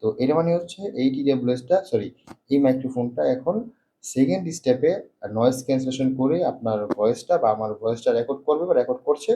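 A man's voice: mid-range voice, warm tone, low-quality recording. A man demonstrating a product indoors, explaining step by step while his voice passes through noise-cancelling processing that leaves noise reduction artifacts. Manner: explains step by step with fast, repetitive phrasing. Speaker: tech reviewer. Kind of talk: product demo.

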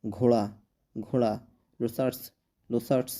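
A young man teaching a vocabulary lesson, saying each word slowly and repeating it several times. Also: mid-range voice, little pitch movement, mellow. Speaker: language teacher.

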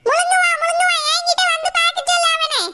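A woman voicing a bold, bossy fish-seller neighbour with a Kanyakumari Tamil accent who brags and scolds in a drawn-out way. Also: extremely high pitch, little pitch movement, sharp tone, pitched above the performer's own voice. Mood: boastful.

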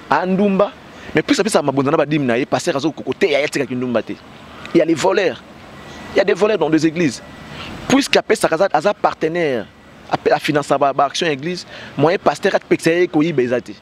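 Interviewed outdoors on a street by parked cars, this guest, a man in his thirties with a Congolese French accent, has a cold and speaks passionately, emphatically, and quickly, full of "bah" fillers and gestures. His voice is fairly high, and there's a little hiss or hum on the interviewer's fur-windscreened handheld mic.

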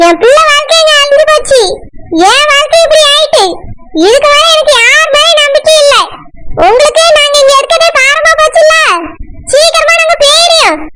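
A woman's voice: very high voice, steady tone, a little fast, pushed and bright, poor audio. A woman voicing a grieving village mother in a cartoon, with a Tirunelveli Tamil accent and a plaintive, tearful way of pleading. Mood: bitter pleading. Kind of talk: cartoon voice acting.

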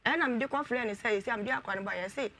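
A woman guest on a talk show, telling her story in a rapid, insistent way. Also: on the high side, bright, forceful tone, a little hiss or hum. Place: TV studio.

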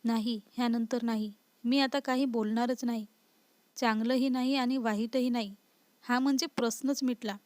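A woman voicing an indignant young wife who is easily scared and quick to sulk. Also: fairly high pitch, fairly even intonation, a little mellow, no room sound, natural voice. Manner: indignant, sulky.

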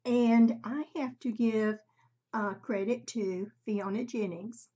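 An older woman with a husky, breathy voice, giving a casual, halting craft demonstration at home in her craft room. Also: a little high, steady tone, dark tone. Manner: halting, unhurried, conversational. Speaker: craft tutorial host. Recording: slightly dull, muffled sound.

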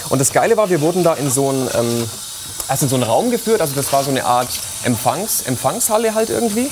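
A man co-hosting a cooking show in a studio kitchen, telling a lively travel anecdote. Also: mid-range voice, quick pace, noisy background. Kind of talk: casual storytelling.

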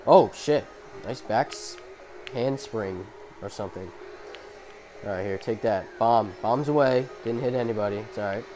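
This gameplay commentator is a young man with a cough, rambling and swearing through a racing game from his bedroom on a headphone mic while mocking himself. His voice is on the low side and mellow at a moderate pace, with a little hiss or hum.

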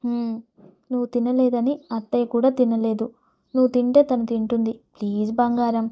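A woman's voice: on the high side, level tone, normal speed, dull audio, lightly acted. A woman voicing a coaxing young man. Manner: coaxing, casual. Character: brash caring young man, teasing.

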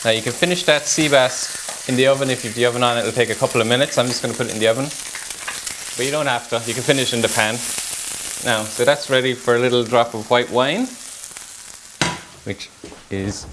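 A man's voice: mid-range voice, brisk, noisy background. Chef guy in his 30s walking you thru a recipe, pans sizzling in the kitchen. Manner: relaxed step-by-step instructions while cooking. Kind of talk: cooking demonstration. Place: home-style kitchen, indoors.

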